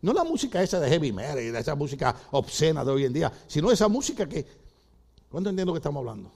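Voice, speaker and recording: A man's voice: fairly high pitch, fast talker, vocal fry, slightly rough. An older Puerto Rican man preaching a sermon in church, telling comic stories and acting out voices. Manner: animated, comic storytelling with acted-out voices.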